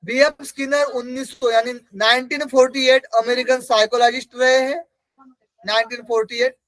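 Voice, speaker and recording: A man's voice: extremely high pitch, level tone, moderate pace, a bit bright, dry recording, rough recording. A man giving an exam-prep lecture. He asks the class questions, answers them himself and repeats key terms. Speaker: teacher.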